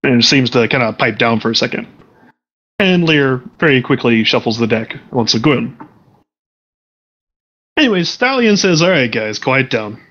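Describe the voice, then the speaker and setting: A man narrating as game master for a tabletop role-playing game, animated and often laughing as he switches into character voices. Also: medium pitch, moderate pace, long pauses, lo-fi sound.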